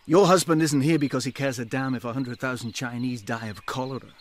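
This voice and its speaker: An actor plays a wry, hard-drinking colonial gentleman in a radio drama, teasing and cynical, with a sardonic, probing way of talking. His mid-range voice has fairly even intonation and a little fast pace, close to an everyday voice.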